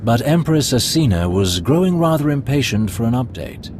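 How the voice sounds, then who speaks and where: With a music score and a noisy background behind him, a male actor plays an Imperial spymaster serving as advisor in a video game cutscene. His mid-range voice has a sing-song lilt yet stays near natural speech, delivered formally, courteously, and with reserve.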